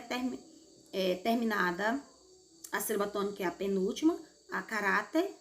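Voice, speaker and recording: A woman's voice: on the high side, a bit bright. A Brazilian woman teacher going through textbook exercises with her pupils in a patient, explanatory way, often checking in with "né?" and "certo?". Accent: Brazilian Portuguese. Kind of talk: recorded class lesson correcting exercises.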